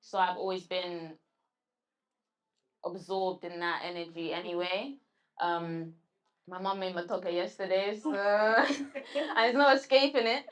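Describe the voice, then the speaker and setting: This guest poet from London has a slightly low, steady voice with a bit of brightness. Across her recital and her interview answers she sounds reflective and hesitant, restarting sentences as she hunts for the right words.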